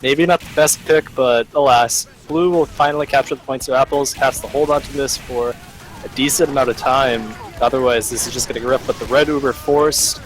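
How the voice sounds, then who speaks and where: A man giving analytical play-by-play commentary on a live esports match, pausing often on "uh". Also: mid-range voice, steady tone, faint music behind, poor audio. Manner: analytical, hesitant, many fillers. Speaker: esports caster.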